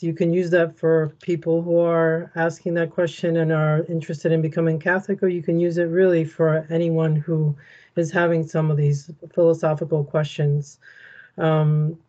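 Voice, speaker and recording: A woman explaining a website during a screen share in an online meeting, talking in a steady, explanatory way. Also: fairly low pitch, muffled recording. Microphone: video call.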